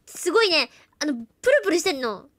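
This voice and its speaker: Her voice is high, bright and pushed, moving fast with lively intonation. Streaming a horror game, this woman keeps up a jittery, chatty commentary full of nervous jokes at her own expense.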